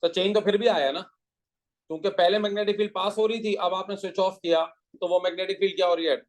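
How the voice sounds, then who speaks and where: Teaching a physics class in Hindi mixed with English technical terms, this fairly high-voiced man takes students through each step patiently and keeps posing rhetorical questions. He talks fast with fairly even intonation, on a low-quality recording.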